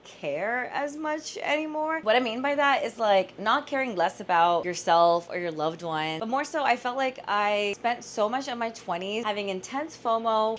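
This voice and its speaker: A woman's voice: mid-range voice, slight background noise. A woman in her late twenties talking candidly and reflectively in a casual vlog, with many "like" fillers, at home in her kitchen. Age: 20s. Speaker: vlogger and dance teacher. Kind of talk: casual chatty vlog talk.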